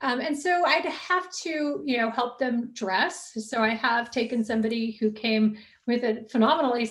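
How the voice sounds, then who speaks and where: A woman recruiter, a guest on a video-call interview, telling animated stories and laughing often. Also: a little high, moderate pace. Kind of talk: casual storytelling in an interview.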